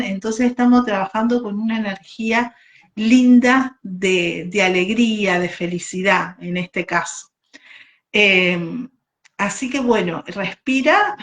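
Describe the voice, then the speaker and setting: A yoga teacher trainer with a Rioplatense Spanish accent tells a children's story in a slow, sing-song voice and leads breathing exercises. Her voice is medium-pitched and fairly bright, recorded in an echoey room.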